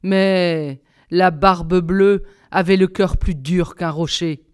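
A woman reading a classic fairy tale aloud, clear and expressive. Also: on the low side, slow pace. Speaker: reader.

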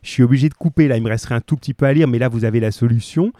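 Male teacher reading to a class; warm, dry, lively, asks questions. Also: medium pitch, racing, no room sound. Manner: lively, asks questions and stresses key words. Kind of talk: reading a story aloud to a class, then explaining it.

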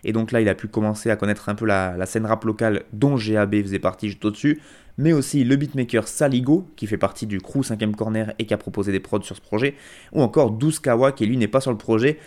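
Casting: male radio host, lowish voice, loose rambling delivery. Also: fast talker, darkish tone. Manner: rambling, many fillers and restarts. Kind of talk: casual radio presenting.

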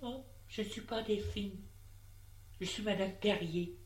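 A woman reading a story, voicing a cold, scheming young widow who speaks smoothly and politely but firmly. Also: medium pitch, measured pace, pitched above the performer's own voice, close to an everyday voice. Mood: cool, guarded.

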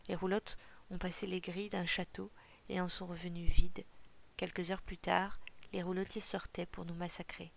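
Gravelly, flat-toned woman narrating a story. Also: lowish voice, normal speed. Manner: steady, even-toned storytelling. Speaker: audiobook narrator. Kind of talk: scripted narration.

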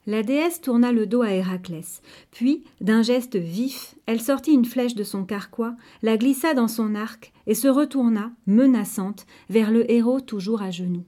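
A woman reads a children's adventure tale aloud with a warm, mellow voice pitched a little high. Her delivery is expressive and measured, like a storybook narration.

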